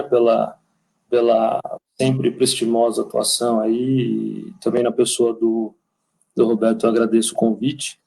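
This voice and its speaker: Man, Brazilian Portuguese accent, lecturer, conversational, hesitant, mellow, mid pitch. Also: poor audio. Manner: hesitant, many fillers and restarts. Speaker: lecturer, city attorney. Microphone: online stream.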